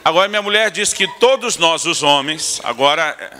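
Male pastor, a bit high and bright, animated comic storyteller in the pulpit, long church-hall reverb. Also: brisk, a little hiss or hum. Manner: animated, acts out family scenes with comic asides. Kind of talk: humorous sermon storytelling. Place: church sanctuary.

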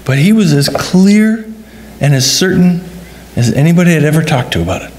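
Earnest pastor telling a story. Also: male voice, a little high, lively intonation, brisk, darkish tone. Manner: earnest storytelling, quotes dialogue in varied tones. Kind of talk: funeral sermon storytelling. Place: church sanctuary.

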